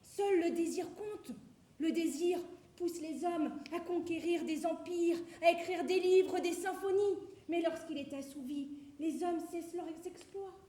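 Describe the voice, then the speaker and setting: A woman playing Edmond, a flustered married male playwright, on stage with halting, declamatory delivery. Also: very high voice, warm tone. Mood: impassioned. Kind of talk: theatrical stage acting. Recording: very echoey stage recording.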